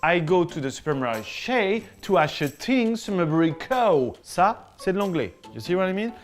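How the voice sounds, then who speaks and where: Brief: actor playing a smug high school English teacher, French accent in English, deadpan comedy monologue, pitched a bit high, faint music behind. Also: male voice, unhurried. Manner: deadpan, self-assured, mixes French and English.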